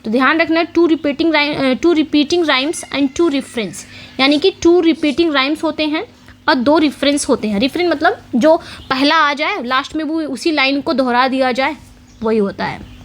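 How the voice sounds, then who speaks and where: A woman teaching English literature for exam preparation, explaining in Hindi mixed with English terms, often asking quiz questions and repeating the key points. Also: sits high. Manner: reads English question text slowly. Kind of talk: exam-prep lecture.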